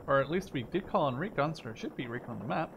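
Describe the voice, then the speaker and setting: A gaming video host rambles through casual first-person commentary while he plays, thinking aloud and criticizing himself. His voice is a little high with lively intonation, and he talks very fast. The audio is dull, and loud video game gunfire and artillery fill the noisy background.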